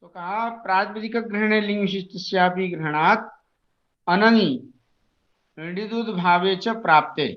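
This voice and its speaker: A man with a high voice teaches Sanskrit grammar at an unhurried pace. He explains each rule and then recites the declined forms in measured, chanting lists. The recording sounds dull and lo-fi. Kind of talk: slow explanatory lecture.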